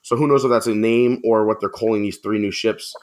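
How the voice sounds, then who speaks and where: A man's voice: lowish voice, steady tone, brisk. A man talking casually as a guest on a podcast, friendly and chatty with frequent fillers.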